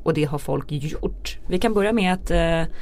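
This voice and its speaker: A woman hosting a casual podcast, upbeat and quick to laugh. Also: deep voice, a little mellow. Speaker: podcast host.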